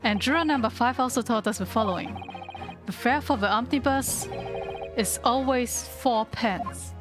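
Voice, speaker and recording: An earnest young male lawyer read aloud by a woman, formal and insistent, in a fairly high voice. Video game music runs clearly underneath. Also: close to an everyday voice. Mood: pointed. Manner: formal, deliberate. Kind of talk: amateur voice acting of game dialogue.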